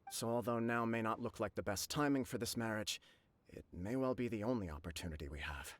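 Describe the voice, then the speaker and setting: An actor playing an earnest, lovestruck young warrior in a game, polite and given to long-winded talk. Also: male voice, fairly low pitch, fairly quick, no echo, natural voice. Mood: serious. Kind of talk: game character acting. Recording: faint music behind the voice.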